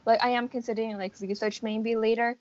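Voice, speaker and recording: The American student, in her late teens at around 18 to 19, talks a little fast in a level voice on the high side. Her interview answers are casual and informal, often hedged as she explains. The dull recording has no echo.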